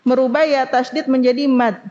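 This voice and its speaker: Woman from indonesia teaching quran reading, high voice, slow careful demos of letters, dull audio with lots of hall echo. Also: steady tone, darkish tone. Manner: demonstrates Arabic sounds slowly between quick explanations. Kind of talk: Islamic study class on recitation.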